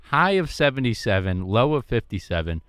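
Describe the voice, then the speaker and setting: A young man co-hosting a comedic radio talk show, joking in a dry, deadpan way on a studio microphone. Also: mid-range voice, moderate pace, clear, resonant tone, dry recording.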